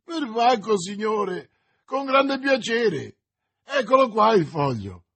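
A man reading aloud, voicing an eager young stable boy who calls out in a high, shouting voice. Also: big pitch swings, slow, creaky, husky, heavily acted.

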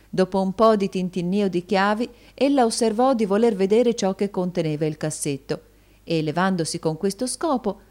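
A woman narrating a classic novel in a measured audiobook reading. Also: lowish voice, a little mellow.

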